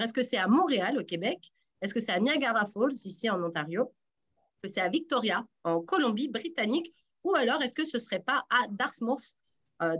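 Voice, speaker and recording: Upbeat radio quiz host, a woman with a fairly high voice who teases her players. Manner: teasing, encouraging contestants. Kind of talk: lively radio quiz hosting.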